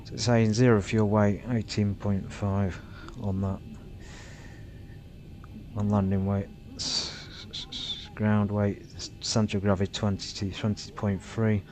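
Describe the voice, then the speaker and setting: A man with a fairly low voice plays pilot in a flight simulator. He talks to himself casually and haltingly, slipping into radio phraseology. A faint rumble sits behind the voice. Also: little pitch movement, a little mellow. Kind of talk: casual self-narrated gameplay with radio calls. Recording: rumbly background noise.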